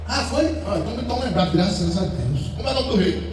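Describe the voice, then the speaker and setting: A man's voice: high voice, animated, fast talker. A man, preaching a sermon as pastor, emphatic and full of repeated rhetorical questions. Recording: echoey hall, distant mic, faint noise.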